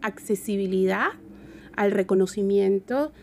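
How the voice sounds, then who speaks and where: A woman with a Venezuelan Caribbean Spanish accent, talking reflectively in an interview and often halting to search for words. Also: medium pitch, a little mellow, a little hiss or hum. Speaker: interview guest. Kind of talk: reflective conversational interview talk.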